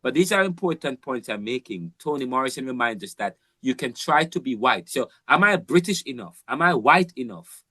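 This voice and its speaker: A man delivers an informal university lecture, circling back on his points with emphatic repeats and restarts. His voice sits at a middle pitch. The recording is dry and close, with no room echo. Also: lively intonation, moderate pace, sharp tone. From Jamaica. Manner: rambling, emphatic, with frequent restarts.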